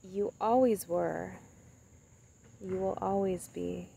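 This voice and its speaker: A spoken word poet speaks slowly and softly outdoors, holding her phone camera at arm's length beside a tree in the woods as she offers casual reflections and reads poetry. Her mid-range voice keeps a steady tone with some vocal fry, and her delivery is halting, with many pauses and fillers. Crickets and insects sound around her, and there's slight background noise.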